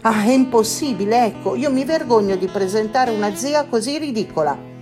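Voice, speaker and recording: A woman puts on a fretful teenage girl, anxious and pleading, pitched a bit higher and pushed louder. Guitar music runs softly behind. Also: lively intonation, normal speed, lightly acted. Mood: despairing.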